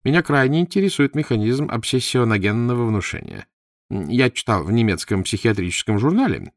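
A man voicing a pedantic, learned doctor who lectures slowly and pompously. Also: medium pitch, sing-song, no echo, studio quality, pitched above the performer's own voice. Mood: musing. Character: pedantic middle-aged doctor, learned and wordy.

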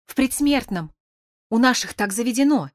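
A woman voicing a young man who is tearful, frightened and talking in a rushed, sobbing way. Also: a little high, lively intonation, no echo, clean studio sound, pitched above the performer's own voice, natural voice. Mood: fearful.

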